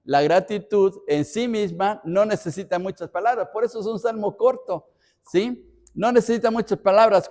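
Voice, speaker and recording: A man's voice: high voice, darkish tone, in a large hall. A male pastor leading a Bible study, explaining step by step and repeating phrases for emphasis. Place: church.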